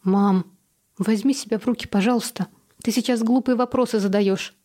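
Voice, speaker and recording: A woman's voice: on the high side, moderate pace, mellow, natural voice. A woman voicing a patient but exasperated young adult daughter who talks in a weary, reasoning tone. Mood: defensive.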